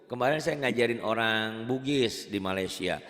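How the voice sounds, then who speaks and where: A man's voice: mid-range voice, moderate pace, fairly bright tone, long reverb tail. A man with a Javanese accent teaching Quran reading in an online lesson, chatting and drilling syllables. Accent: Javanese Indonesian. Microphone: online call.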